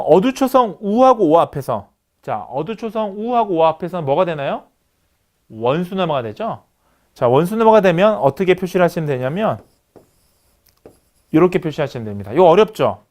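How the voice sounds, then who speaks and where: Male lecturer, middle-aged, fairly high and animated; steady classroom explaining with frequent "so, yes" fillers. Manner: explains step by step, many "자" and "네" fillers; writes on screen while talking. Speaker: university lecturer. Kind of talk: recorded online lecture.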